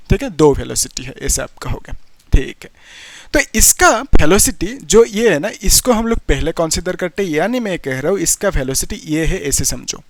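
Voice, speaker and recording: A young man walks students through a physics lesson, asking questions and checking in after every step. His voice sits high and swings widely in pitch. The sound is dry and close, with no room echo. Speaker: physics teacher.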